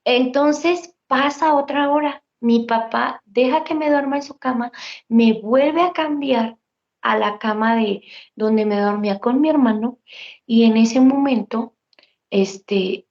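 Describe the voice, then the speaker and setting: A woman tells a personal story in an earnest, vivid way, talking straight to her listener. Her voice sits a little high for a woman. The recording is dull and lo-fi. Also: slow. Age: 40s. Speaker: guest telling a paranormal experience. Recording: dull lo-fi audio.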